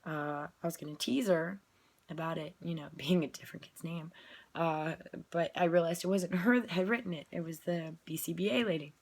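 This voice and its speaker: A woman's voice: lowish voice, fairly quick. A woman who is sick and coughing, chatting casually to camera about her tiring day and acting out what people said to her. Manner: tired and frank, acting out quoted exchanges. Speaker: parent sharing a video diary. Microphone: phone or webcam recording.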